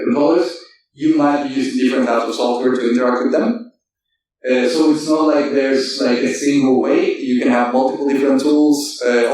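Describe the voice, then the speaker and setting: A man giving a technical conference presentation, halting and full of fillers and self-corrections. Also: mid-range voice, darkish tone. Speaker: conference speaker. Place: conference hall. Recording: echoey hall, distant mic.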